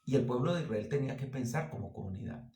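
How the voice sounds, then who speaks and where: A man preaching a sermon as pastor, earnest and exhorting, with lively anecdotes. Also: medium pitch, quick pace, reverberant. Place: church.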